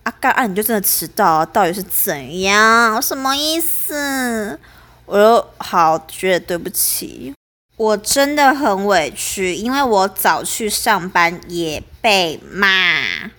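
A woman's voice: mid-range voice, animated, a little slow, sharp tone. A young woman, telling a story as a podcast host in a chatty, aggrieved way.

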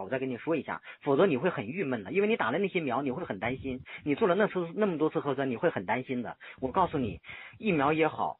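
A man talks fast and insistently, heard through a thin, tinny landline phone line. His voice is husky and his pitch leaps about animatedly as he lectures without letup. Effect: heard over a landline phone line. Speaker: caller seeking help.

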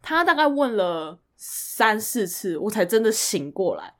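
Animated woman telling a story. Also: mid-range voice, a little slow. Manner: animated, laughs often while recounting. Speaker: podcast co-host. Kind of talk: casual storytelling chat.

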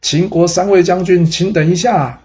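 A man's voice: on the high side, a little fast, muffled recording, pitched above the performer's own voice, close to an everyday voice. A man playing a sly, falsely polite officer. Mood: calling. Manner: loud, coaxing courtesy.

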